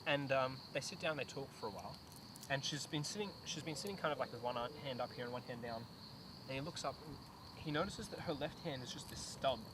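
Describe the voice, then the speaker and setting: A young man acting in an amateur film, casually telling a scary story by a campfire, often dropping his voice low. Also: fast, background noise, natural voice. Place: outdoors at night in the bush. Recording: outdoor night, loud insects.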